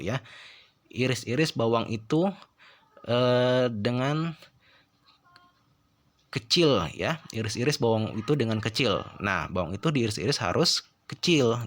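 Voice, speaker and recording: A man's voice: on the low side, animated, moderate pace, a bit bright. A middle-aged male teacher giving a lesson, explaining step by step and often checking in with his listeners. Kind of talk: classroom lesson.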